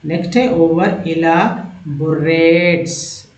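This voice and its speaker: A man from India teaching English words in a slow lesson, repeating each word and spelling out letters. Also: on the high side. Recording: echoey lo-fi room.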